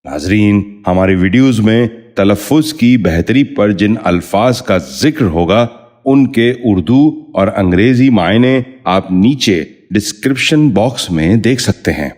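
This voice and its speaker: A middle-aged man with a very low, deep voice reads a scripted pronunciation lesson. He speaks in a formal, measured way and repeats each word slowly and carefully. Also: a little mellow. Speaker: Urdu pronunciation teacher.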